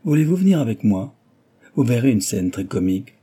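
A man reading an audiobook voices a giddy, mocking young noblewoman who gossips in a lively, teasing way. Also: medium pitch, fairly quick, breathy edge. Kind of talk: audiobook reading of a classic novel.

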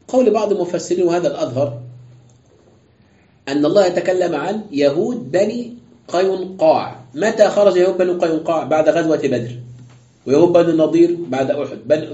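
A man's voice: a little high, darkish tone, a little hiss or hum. A man, a sheikh giving an explanatory lecture on scripture who poses rhetorical questions and reads texts aloud. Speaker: sheikh teaching exegesis. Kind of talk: classroom lecture with commentary. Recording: roomy, dull lo-fi lecture recording.

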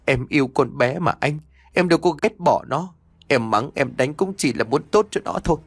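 A man's voice: medium pitch, big pitch swings, fast talker, vocal fry, slightly rough, dry recording, pitched above the performer's own voice, full character voice. A man voicing a grieving mother who pleads through tears in an audio story. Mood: pleading. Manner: sobbing, pleading.

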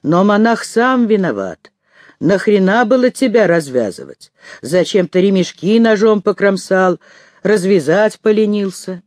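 A coarse, menacing middle-aged husband growls spiteful, mocking orders, as a male reader plays him. His voice rises and falls in a lively way. It is recorded close and dry, like a studio audiobook. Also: high-pitched, a little slow, no echo.

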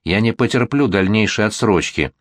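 A jealous old gentleman blusters and threatens in a fury, as a man reading an audiobook voices him. The voice sits low. The recording is dry and close. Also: expressive, normal speed, dry recording, close to an everyday voice. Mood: furious.

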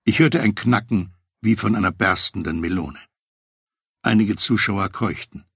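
Low gravelly male audiobook narrator. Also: measured pace, no room sound, studio quality.

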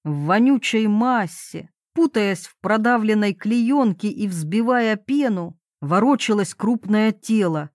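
A woman's voice: mid-range voice, expressive, takes it slowly, few pauses, no room sound, clean studio sound. A woman narrating an audiobook, telling the story expressively and acting out the dialogue. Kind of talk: scripted narration.

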